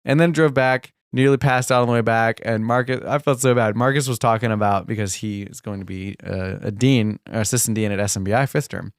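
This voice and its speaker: A man's voice: lowish voice, a little fast, few pauses, no room sound, studio quality. A young man co-hosting a podcast, telling a long story in a rambling, casual way, laughing often and saying "like" a lot. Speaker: podcast co-host.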